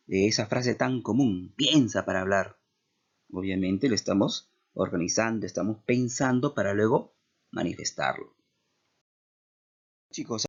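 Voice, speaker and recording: Gravelly Peruvian teacher explaining to students. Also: male voice, lowish voice. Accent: Peruvian Spanish. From Peru. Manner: explanatory, with many tag questions. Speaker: language teacher. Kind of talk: classroom lecture. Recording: dull lo-fi recording.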